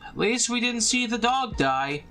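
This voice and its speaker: Man, high voice, bright and sharp, earnest and teasing, casual film review co-host. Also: big pitch swings, measured pace, soft background music.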